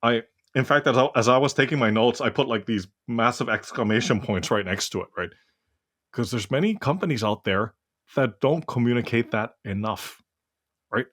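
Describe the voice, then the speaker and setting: A man's voice: medium pitch, normal speed, a bit bright. A man hosting a casual interview, reflecting on the guest's points and often checking in with 'right?'. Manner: reflective, keeps adding 'right?'. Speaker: interview host.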